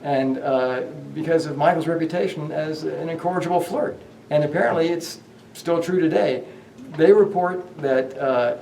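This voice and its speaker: A man's voice: a little high, moderate pace, creaky, hardly any pauses, darkish tone, distant mic, a little hiss or hum. A man guiding a ghost tour through a hotel, telling stories in a rambling way with many fillers and restarts. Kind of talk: guided tour storytelling. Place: hotel hallway. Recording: echoey hallway, voice off-mic.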